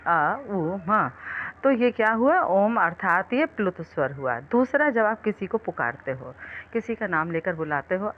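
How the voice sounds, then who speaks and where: Woman teacher quizzing her class. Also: medium pitch. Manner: asks questions and answers them herself. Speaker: Hindi grammar teacher. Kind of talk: classroom lecture. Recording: dull lo-fi recording.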